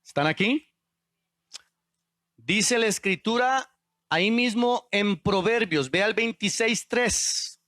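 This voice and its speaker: A man's voice: high-pitched, takes it slowly, pauses often, pushed and bright, no echo, studio quality. A male pastor preaching a sermon and asking the congregation questions. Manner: asks the congregation questions, call-and-response.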